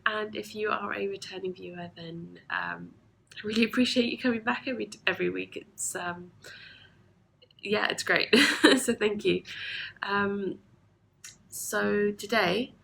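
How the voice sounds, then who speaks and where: Chatty and full of ums and soft asides, this woman runs a knitting video podcast from her home, a bit sniffly from allergies. Her creaky, mid-range voice takes an unhurried pace, recorded on a camera mic with slight background noise.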